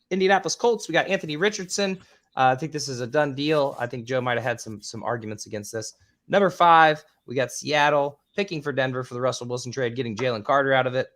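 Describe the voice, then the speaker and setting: A man hosting a casual podcast, rattling off a list with filler ums and casual swearing, his voice a bit squeaky. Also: a bit bright. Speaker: podcast host.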